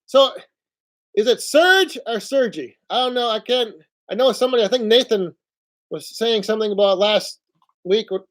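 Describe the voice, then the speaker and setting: A man hosting a casual live stream from home on his phone, rambling along in a relaxed way and reading out viewer chat. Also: sits high. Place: indoors at home.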